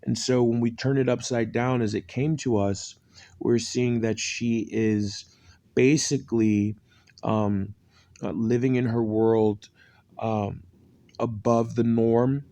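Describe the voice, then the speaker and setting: A man's voice: medium pitch, steady tone, takes it slowly, warm tone. A man giving an unscripted, mystical tarot horoscope reading, repeating phrases for emphasis like an incantation. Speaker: tarot reader, horoscope host.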